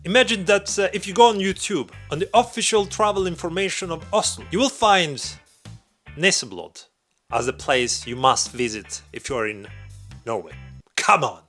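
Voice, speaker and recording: A young man from Croatia, talking casually to camera in a vlog, excitable and emphatic, swearing freely. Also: high-pitched, normal speed, soft background music. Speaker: vlogger and metal musician.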